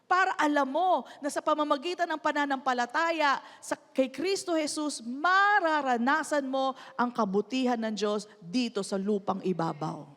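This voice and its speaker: A Filipino woman pastor preaches a sermon in a high, ringing voice. Her words echo with a long reverb through a church hall. She often stops to have the congregation repeat lines after her. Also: moderate pace, fairly bright tone. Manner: mixes English and Tagalog, asks the church to repeat lines.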